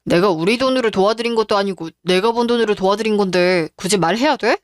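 A woman's voice: medium pitch, fast talker, no room sound, natural voice. A woman voicing a defensive, stubborn husband who talks in a curt, dismissive way.

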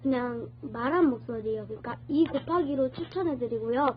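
A woman's voice: high-pitched, fairly quick. A woman whose voice is sped up by an app, giving a casual phone tutorial and losing track of her words now and then. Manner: chatty, loses track of words and restarts. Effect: sped-up voice from a video app. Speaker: tutorial host. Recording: dull lo-fi sound with faint noise.

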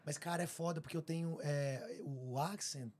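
A male podcast host chatting casually, slangy and relaxed. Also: a little high, moderate pace, husky. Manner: slangy, relaxed, reacts with short remarks. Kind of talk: casual chat.

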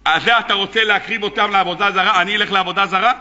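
A preacher putting on a defiant talking bull. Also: male voice, sits high, steady tone, bright, forceful tone, dull audio. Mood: stubborn, indignant. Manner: blunt, indignant refusals. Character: stubborn talking bull, defiant, refuses idolatry.

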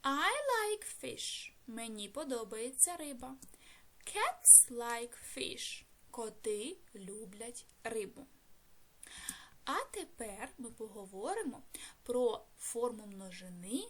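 Slow, animated woman teaching English. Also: fairly high pitch, slightly rough. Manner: spells out letters and sounds slowly, repeats and translates each word. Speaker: language teacher. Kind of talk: English lesson for beginners.

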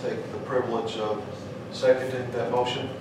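A man chairing a formal committee meeting, speaking in a halting, procedural way. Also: medium pitch, little pitch movement. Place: committee meeting room, indoors. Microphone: distant camera microphone. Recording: very echoey, noisy room, distant microphone.

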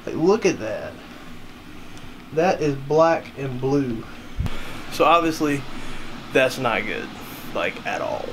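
In this casual vlog, a young man sits in a small cabin and speaks to his arm's-length camera, wandering from thought to thought and often putting himself down. His medium-pitched voice is expressive and slow, with frequent pauses, and there's background noise.

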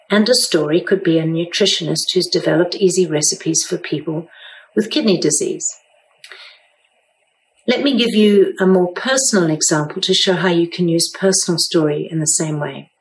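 An older woman giving a storytelling lesson as a speaker and author, with measured, clear explanations. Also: fairly low pitch, low-quality recording.

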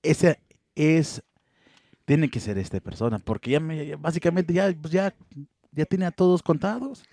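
A man interviewing a guest in a comedy sketch, deadpan and playing along. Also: a little high, measured pace, vocal fry, no room sound, clean studio sound.

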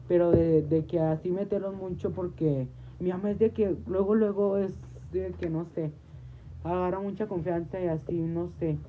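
A woman's voice: on the low side, fairly even intonation, normal speed. A woman, hosting a livestream and telling a long story to her viewers, repeating and restarting her phrases. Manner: repetitive, restarts phrases, quotes herself often. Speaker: livestream host. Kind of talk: casual rambling storytelling to viewers. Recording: noisy tinny phone audio.

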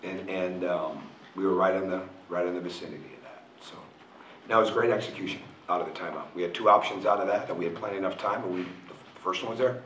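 Low-voiced coach at a press conference. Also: male voice, fast, a bit bright, slight background noise. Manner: frank, repetitive, restarts phrases. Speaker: college basketball coach. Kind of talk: post-game press conference answers. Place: press room in front of a logo backdrop. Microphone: table mic on a stand. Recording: roomy, picked up from a distance.

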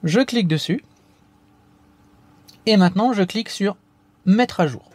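Male tutorial host, fairly high voice, dry close sound, hesitant delivery with lots of fillers. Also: animated, measured pace, a little mellow, slightly rough, no echo. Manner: hesitant, frequent fillers and restarts. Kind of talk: casual step-by-step tutorial.

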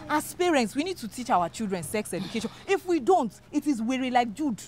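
A Nigerian neighbour woman with a Yoruba accent lectures and soothes, earnest and insistent. Her voice is fairly high. A faint hiss sits behind her. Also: big pitch swings, brisk, darkish tone. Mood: lecturing. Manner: pleading, then lecturing. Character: calm, preachy neighbour woman.

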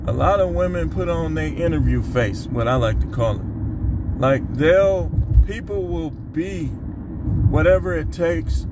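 Filmed on a phone held at arm's length inside a car, an American man in his fifties delivers a casual opinion monologue to camera as a relationship-advice vlogger. His voice is on the high side and a little slow, and his advice is blunt and streetwise, with phrases repeated for emphasis. Car and outdoor traffic noise come through clearly.

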